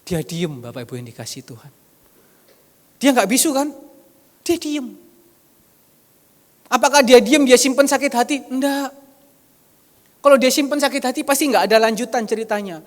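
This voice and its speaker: A man preaching a lively sermon to a church congregation, acting out quoted voices and joking with the listeners. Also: very high-pitched, normal speed, long pauses. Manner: animated, acts out quoted voices, jokes with the congregation. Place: church hall. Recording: reverberant church hall.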